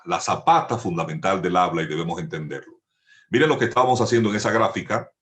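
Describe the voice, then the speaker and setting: A man teaching a voice and speech lesson, measured and instructive, drawing out each vowel as he demonstrates. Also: low-pitched, fairly bright tone. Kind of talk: slow, deliberate voice lesson.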